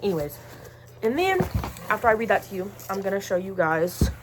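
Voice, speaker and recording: Young woman vlogger, casual and animated, teasing lectures, phone mic, faint background noise. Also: medium pitch, a little fast. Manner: chatty, playfully scolding, jumps to loud emphatic bursts. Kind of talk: casual unboxing vlog.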